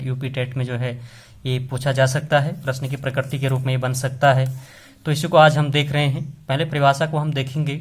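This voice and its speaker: A man teaching an exam-prep lesson, explaining step by step and often checking in with the listener with short tag questions. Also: medium pitch.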